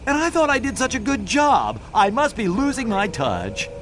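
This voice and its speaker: A man's voice: very high voice, wildly swooping pitch, fairly bright tone, exaggerated voice. A man voicing a mischievous trickster wizard in a cartoon, smug and teasing. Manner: smug, teasing, drawn-out delivery. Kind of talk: cartoon voice acting.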